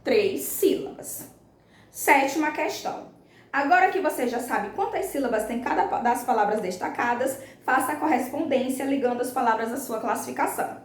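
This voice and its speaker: A woman teaching a class of young schoolchildren, patient and slow, spelling words out clearly and checking in with the pupils. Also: high voice, lively intonation, roomy sound. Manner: patient, slow and clear, ends phrases with "tá bom?". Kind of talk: recorded remote class lesson.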